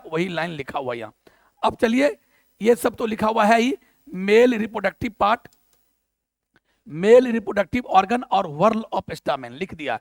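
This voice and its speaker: A man's voice: sits high, vocal fry, dry recording. A male biology teacher with a Bihari Hindi accent gives a lecture on a mind map, keeps asking questions and answering them himself, and mixes in English terms.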